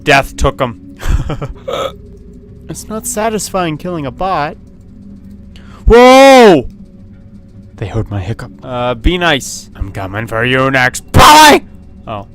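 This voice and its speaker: Excitable man yelping over gameplay. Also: mid-range voice, a little slow, faint music behind. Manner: excitable, laughs often, sudden yelps. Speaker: gaming video host. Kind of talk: casual gameplay commentary. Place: at home at a computer with webcam.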